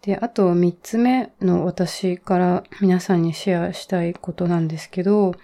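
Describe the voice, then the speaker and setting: A woman in her thirties with a slightly low, mellow voice, talking on her own in an easy, unhurried way. She muses aloud, drifts into fillers and soft asides, and comes back to her point. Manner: relaxed and reflective, with many fillers and trailing asides. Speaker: podcast host giving English learning advice. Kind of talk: casual monologue.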